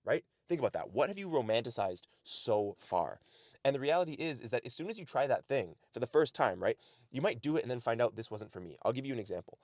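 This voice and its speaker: Out in the snow, a Canadian man talks earnestly and directly to the camera, offering casual life advice and motivation while often asking "right?" and repeating "the reality is." His medium-pitched, darkish voice has big pitch swings and a fast pace, recorded with no echo at studio quality.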